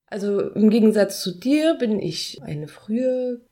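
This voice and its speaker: A woman in her thirties from Berlin, co-hosting a podcast and telling her story in relaxed chat with frequent laughs. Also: mid-range voice, slow pace. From Berlin, Germany. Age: 30s. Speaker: podcast co-host.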